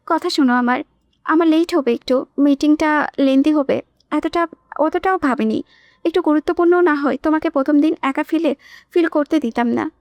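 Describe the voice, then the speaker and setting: A doting young husband calls his new wife and coaxes her gently, voiced by a woman reading the story. He sounds patient and affectionate. The audiobook recording is close and dry. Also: very high voice, moderate pace, dry recording. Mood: coaxing. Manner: coaxing, affectionate. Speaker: husband character.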